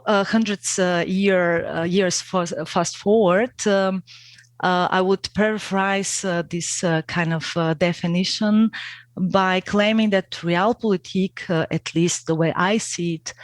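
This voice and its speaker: A woman's voice: lowish voice, no echo. A middle-aged woman from Bulgaria with a Bulgarian accent, answering interview questions hesitantly with many fillers. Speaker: guest expert.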